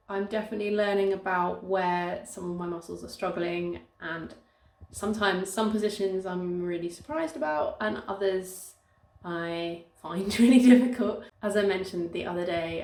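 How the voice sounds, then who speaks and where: Chatty woman vlogging at home. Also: on the low side. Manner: chatty, upbeat, laughs often. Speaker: fitness vlogger. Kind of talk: casual vlog chat. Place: home, indoors.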